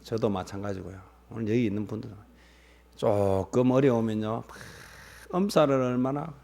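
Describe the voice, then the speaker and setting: A male pastor preaching a sermon, firing rhetorical questions at the congregation and swinging between loud and hushed. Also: mid-range voice.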